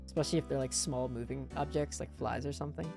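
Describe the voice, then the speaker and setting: A woman's voice: very deep voice, fast, creaky, music in the background. A woman streamer chatting casually and laid-back while playing a game. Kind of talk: casual chat while gaming.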